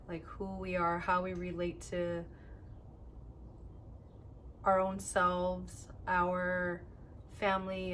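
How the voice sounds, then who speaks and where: A woman's voice: lowish voice, recorded from a distance, a little hiss or hum. Reflective woman guest, slightly off-mic. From Korea. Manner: reflective, hesitant, many fillers. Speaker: guest, birth worker. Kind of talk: casual podcast conversation.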